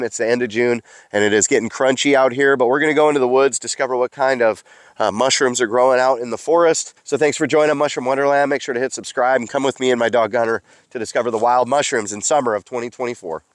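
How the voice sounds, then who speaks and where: A mycology educator and host, stuffy-nosed from allergies, chats his way through a forest in a casual outdoor teaching vlog, explaining his finds with lots of fillers. His medium-pitched voice is steady and quick, and the sound is clean, studio-like, with no room sound.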